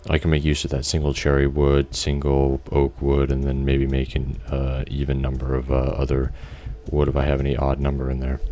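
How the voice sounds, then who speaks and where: Male gameplay commentator, extremely deep voice, loose casual rambling, occasional swearing. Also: completely flat delivery, moderate pace, few pauses, mellow. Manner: rambling, thinks aloud, frequent restarts and fillers. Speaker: gameplay video creator.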